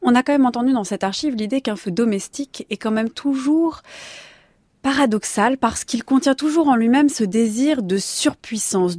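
A woman hosting a radio discussion, guiding it with clear explanations. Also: on the high side, a little mellow, no room sound, clean studio sound. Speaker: radio host.

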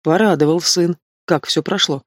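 A man's voice: fairly high pitch, moderate pace, dry recording, studio quality, lightly acted. Man reading a sneering, cruel crime boss. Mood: menacing. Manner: sneering, menacing.

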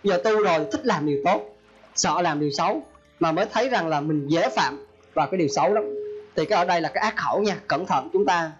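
In a Dharma talk, a male Buddhist monk delivers a folksy sermon, frequently acting out the people he quotes. He talks fast in a voice on the high side, and the recording is muffled.

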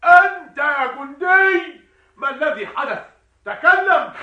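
A man acting a fussy, panicky judge in a stage comedy, shrill and fretful. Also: animated, normal speed, lo-fi sound. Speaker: stage actor.

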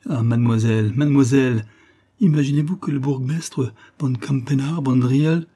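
A man voicing a fearful, fussy old male servant in an audiobook, anxious and rushed. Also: mid-range voice, steady tone, mellow, voice pushed up, close to an everyday voice. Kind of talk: audiobook character voice.

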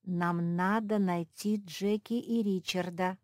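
A woman voicing a steady, determined female pug who insists on her plan. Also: on the low side, slow, dry recording, studio quality. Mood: firm. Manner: firm, insistent.

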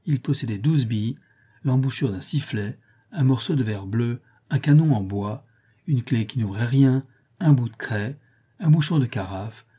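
A man narrating a classic novel as an audiobook with a steady storytelling delivery. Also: mid-range voice, slightly rough.

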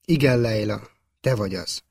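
A man voicing a young Jedi knight, speaking in an earnest, gentle way in an audiobook reading. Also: lowish voice, gravelly, breathy edge, no echo, studio quality.

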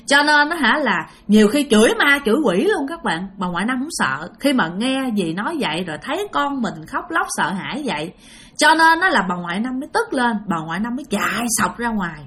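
Southern vietnamese woman telling ghost stories, lively up-and-down voice, kinda high. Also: brisk. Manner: animated, addresses listeners directly. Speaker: storyteller. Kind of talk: casual ghost-story narration.

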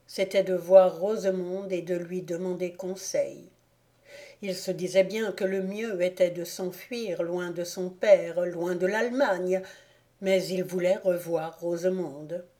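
A woman reading a classic novel aloud as a volunteer audiobook narrator, in a measured, unhurried manner. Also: fairly low pitch, fairly even intonation, warm tone.

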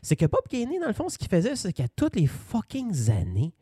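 A man with a Québécois French accent co-hosting a podcast, telling stories with lively swearing and animated asides. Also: high-pitched, normal speed, husky, dry recording, clean studio sound. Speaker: podcast co-host. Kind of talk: casual chat.

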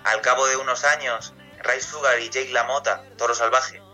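A man's voice: mid-range voice, fairly even intonation, normal speed, sharp tone, faint music behind, poor audio. A man from Castilla-La Mancha, a singer being interviewed on radio, answering at length in a casual, rambling way with many restarts. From Castilla-La Mancha, Spain.

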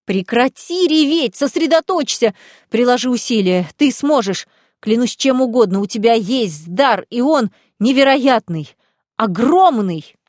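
A stubborn young woman, as the reader plays her pleads and shouts in hoarse despair. Her voice sits a little high. The sound is dry and close to the mic. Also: lively intonation, normal speed, no echo, lightly acted. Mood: desperate.

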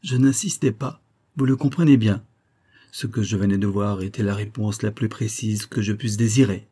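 A man's voice: fairly low pitch, moderate pace, warm tone, slightly rough. A man voicing a frank, fatherly older baron who speaks earnestly and cordially. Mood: warm.

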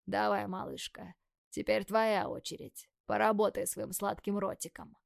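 A woman voicing a bold, teasing young man in an audiobook, speaking low, slow and husky with a cocky murmur. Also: fairly even intonation, no room sound, studio quality. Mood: smug.

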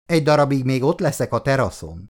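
A man's voice: medium pitch, big pitch swings, voice pushed up. A male reader voicing a smug young woman who gushes sweetly and talks down to a rival. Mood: sugary. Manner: sugary, condescending.

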